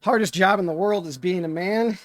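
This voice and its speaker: A man's voice: sits high, a little fast. A middle-aged man hosting a reaction video, thinking aloud in an earnest, casual way.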